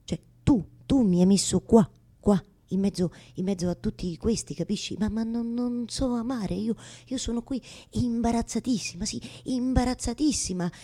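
In a theatrical radio monologue, an actress plays an anguished, embarrassed woman confronting God, bluntly and with exasperation, halting and insistently repeating herself. Her voice sits a little high and is mellow, close to everyday speech. She sounds embarrassed and pleading.

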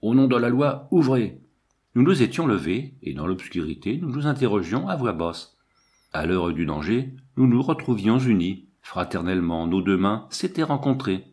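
A man's voice: fairly low pitch, sing-song, moderate pace, a little mellow. A man reading a first-person story aloud as an audiobook narrator. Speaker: audiobook reader.

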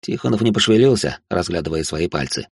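A man's voice: deep voice, expressive, fast, vocal fry, breathy edge, dry recording, clean studio sound. A man narrating a novel in first person, with a wry, conversational inner monologue. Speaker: audiobook narrator.

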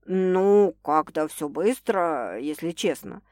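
A woman's voice: lowish voice, animated, takes it slowly, darkish tone, no room sound. A woman voicing a blunt, skeptical older sister who talks in brash slang in an audiobook.

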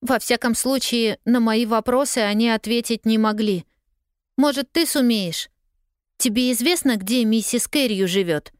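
A woman's voice: a little high, measured pace, smooth, no echo, clean studio sound, pitched above the performer's own voice, natural voice. A woman voicing a lost young girl who is tearful yet stubbornly cheerful, talking in an eager, pleading way. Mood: eager relief.

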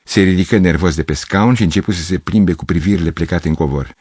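A man reading a literary story aloud as narrator, in a measured, expressive manner. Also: low-pitched, breathy edge, no room sound.

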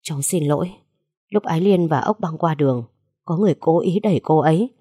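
A woman's voice: sits low, a little fast, dark tone, slightly rough, no echo, clean studio sound. A woman voicing an anguished, apologetic young man in a told story. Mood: guilty. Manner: subdued, apologetic.

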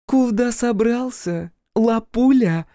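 Man doing a drunk, shrill young brawler woman. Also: takes it slowly, warm tone, no echo, clean studio sound, exaggerated voice. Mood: taunting. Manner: shrill, mocking, slurred taunts.

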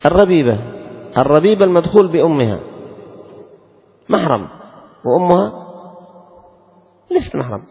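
Gravelly man teaching in a hall. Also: on the high side, very animated, a little mellow. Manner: quizzes students, repeats rules slowly. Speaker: Islamic law teacher. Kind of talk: classroom lesson with questions to students. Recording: dull lo-fi recording, long reverb.

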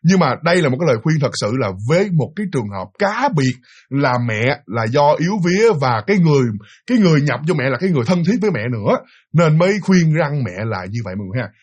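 Man, Southern Vietnamese accent, hoarse from a cold, quick, chatty storyteller. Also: on the high side, sing-song, dull audio. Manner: chatty, addresses listeners directly, many fillers. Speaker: storyteller and channel host. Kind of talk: casual spoken storytelling.

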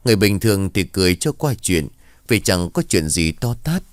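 A man narrating a ghost story in an expressive, dramatic way. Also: sits low, fairly quick, dry recording.

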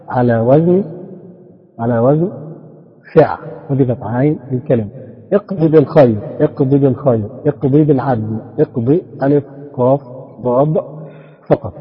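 A man teaching a grammar lesson, speaking slowly and repeating each example word, sometimes asking the class questions. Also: medium pitch, breathy edge. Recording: dull hall recording.

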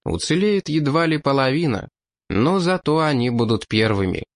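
A man narrates a science-fiction audiobook in a steady, measured voice. His pitch sits in an ordinary middle range. The recording is dry, with a close studio microphone. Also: no echo.

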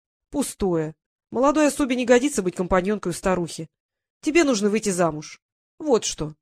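A woman's voice: mid-range voice, lively intonation, fairly quick, a little mellow, no room sound, close to an everyday voice. A woman reading as a firm elderly duchess. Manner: firm and commanding, decisive. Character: domineering elderly aunt, a duchess. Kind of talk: audiobook character reading.

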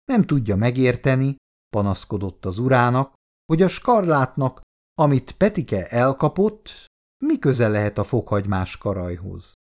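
Male narrator reading a story, lively intonation. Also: medium pitch.

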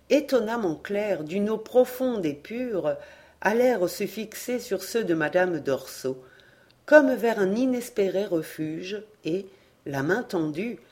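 Slow, low-voiced woman reading a novel. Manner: slow, measured, expressive reading. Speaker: audiobook reader. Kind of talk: literary audiobook narration.

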